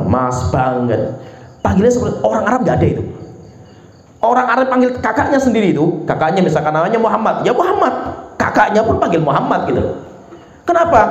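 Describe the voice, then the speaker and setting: Lively male preacher, echoey dull sound. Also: a little high. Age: adult with a son. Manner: lively, rhetorical questions, repeated tag words. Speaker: Islamic preacher. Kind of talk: religious lecture. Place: home study gathering.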